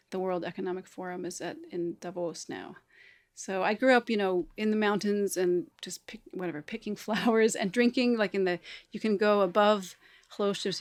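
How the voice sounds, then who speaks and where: A woman who grew up in Michigan speaking Swiss German at home, talking casually as a guest with lots of fillers and a sing-song flow. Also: fairly low pitch. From Michigan, with Swiss parents. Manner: chatty, many fillers, sing-song phrasing. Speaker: guest, cellist and composer. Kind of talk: casual conversation.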